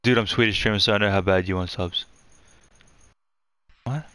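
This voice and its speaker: A young man streaming live from his room on a headset mic, chatting excitedly as he opens game loot. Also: fairly low pitch, moderate pace, clean tone, no echo. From Australia.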